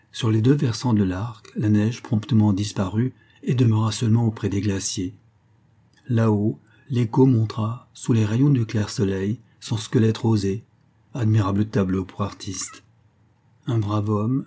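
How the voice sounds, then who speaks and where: A man narrating a novel aloud in a steady, measured storytelling manner. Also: fairly low pitch, breathy edge.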